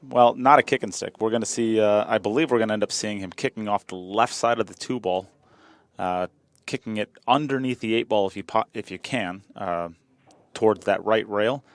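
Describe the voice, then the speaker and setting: A man's voice: fairly low pitch, moderate pace, no echo. A man commentating a pool match in a chatty, joking way, often repeating himself. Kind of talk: live sports commentary.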